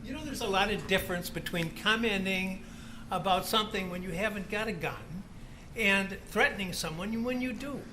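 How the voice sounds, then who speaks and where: A man's voice: high-pitched, moderate pace, a little hiss or hum. A man serving as judge, speaking from the bench in a courtroom recording, stern and scolding, cutting in and stumbling over his words.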